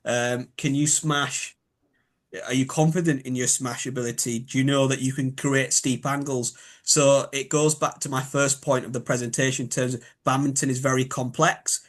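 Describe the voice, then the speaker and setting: A man's voice: mid-range voice, little pitch movement, moderate pace. Man with a Yorkshire accent explaining. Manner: thoughtful, rephrases often. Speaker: biomechanics expert guest. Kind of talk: explanatory interview talk.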